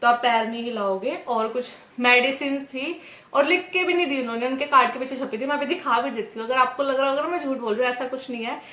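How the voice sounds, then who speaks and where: A young Indian woman vlogs casually to camera, telling a story and acting out her exchanges with other people. She talks fast in a high, pushed, bright voice that sounds roomy, and she often tosses in "ठीक है".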